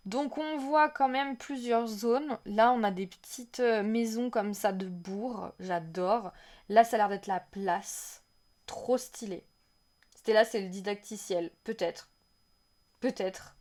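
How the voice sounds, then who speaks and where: A woman with a mid-range voice reacts in an unhurried way to a game trailer while streaming. Excitable and rambling, she chats with her audience and reads out what they write.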